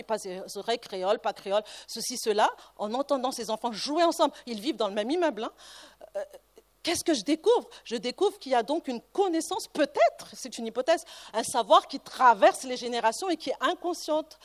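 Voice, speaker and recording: Woman, researcher, lecture, high voice, digressive, restarts mid-sentence. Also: animated, brisk. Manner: digressive, frequent "hein" asides and restarts. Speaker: researcher giving a conference talk. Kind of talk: lecture with personal anecdote.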